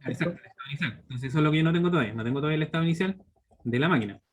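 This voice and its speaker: A man's voice: fairly high pitch, racing. Chilean man teaching an online class. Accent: Chilean Spanish. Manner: explains step by step, checks in with students through constant tag questions. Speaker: university teacher. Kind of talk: live online programming class.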